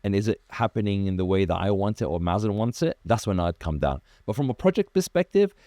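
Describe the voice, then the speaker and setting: Brief: low, mellow male founder, animated storyteller, dry close sound. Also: fast, dry recording. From Iraq. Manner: animated storyteller, acts out quoted dialogue, many restarts. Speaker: car detailing business founder, guest. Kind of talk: casual interview chat.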